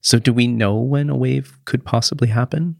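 A man's voice: medium pitch, moderate pace, vocal fry, a little mellow, no room sound, studio quality. A man hosting a news podcast, asking a guest short, plain questions about the week's headlines. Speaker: podcast host.

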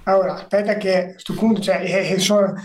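A man's voice: high voice, steady tone, brisk, faint music behind. A man acting as guest quizmaster, presenting and explaining in a casual, informal way. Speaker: guest quizmaster, electrical trainer. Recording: echoey room.

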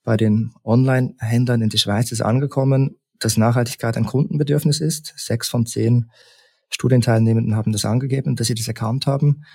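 Husky, gravelly man explaining research. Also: mid-range voice, steady tone, warm tone. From Leipzig, Germany. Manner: measured, structured, lists points in order. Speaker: researcher and lecturer, podcast guest. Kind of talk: explanatory interview talk.

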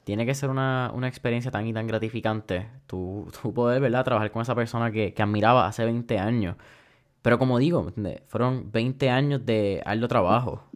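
A man's voice: medium pitch, brisk. A man hosting a casual interview, friendly and reflective, with local slang. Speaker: interviewer, host.

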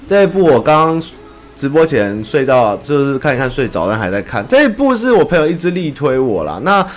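A man's voice: medium pitch, very animated, normal speed, faint music behind. A young man from Taiwan, hosting a podcast in casual chat, rambling and blunt, with swearing and mocking voices. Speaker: podcast host. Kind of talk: casual chat about anime.

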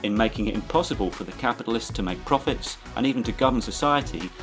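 A man's voice: on the low side, expressive, quick pace, over music. A man presenting a political podcast in a scripted narration style. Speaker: podcast host.

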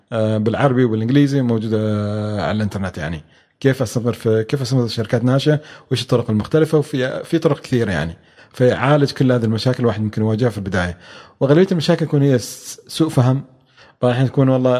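Fast-talking man, mellow voice. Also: mid-range voice. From Oman. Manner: fast, hesitant, many fillers and restarts. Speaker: guest, venture capital expert. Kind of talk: conversational interview answers.

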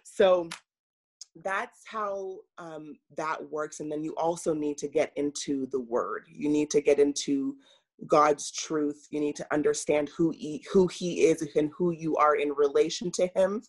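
Slow, earnest woman coach. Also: sits low, steady tone. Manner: measured and earnest, with many pauses and fillers. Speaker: coach and podcast guest. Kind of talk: reflective interview talk.

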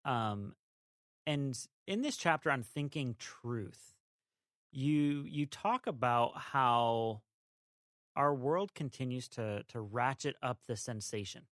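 A man with an ordinary mid-pitched voice co-hosts a faith-based talk show. He sounds thoughtful and affirming, and he moves the conversation along with questions. The recording is close and dry. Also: lively intonation, slow, fairly bright tone, no room sound. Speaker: podcast co-host, interviewer.

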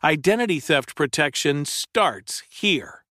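Guy reading an ad slow and even, dry studio sound. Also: fairly high pitch, no room sound. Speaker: ad announcer. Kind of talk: scripted ad read.

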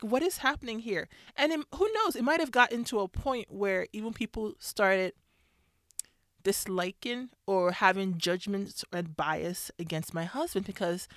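A woman's voice: mid-range voice, dry recording, studio quality. A woman telling a personal story about her marriage in a conversational way, sometimes acting out what others said. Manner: conversational, acts out quoted voices. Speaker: speaker sharing a faith-based marriage story.

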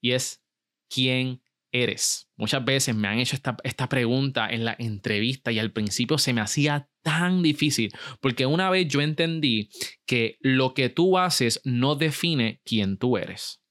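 Energetic male podcast host. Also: mid-range voice, unhurried. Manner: energetic, mixes English words into Spanish. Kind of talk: motivational podcast monologue.

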